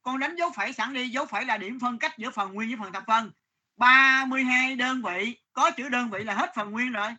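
A man teaching math to a class, stern and scolding, dictating numbers slowly. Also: very high-pitched, bright, forceful tone, husky.

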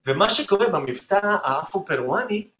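A man with a somewhat high voice explains rhythm like a music teacher. He is patient and clear. He breaks off to count beats aloud and to sing the drum patterns. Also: expressive, a bit bright, reverberant.

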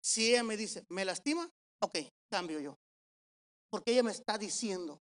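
A man preaching as a pastor, animated, asking the congregation questions and swinging from soft to loud. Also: high voice, normal speed. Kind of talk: sermon with practical advice.

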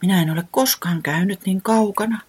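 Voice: medium pitch, slightly rough, pitched above the performer's own voice, natural voice. A storyteller voicing a small, timid chick in a children's storybook, speaking in a small, hopeful voice.

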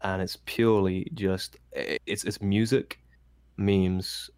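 A man's voice: low voice, little pitch movement, slow, darkish tone, clear, resonant tone, no echo. A man, telling stories as a podcast guest with lots of eager restarts. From England. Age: 20s. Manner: eager storytelling with many restarts. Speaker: guest streamer. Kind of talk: casual podcast chat.

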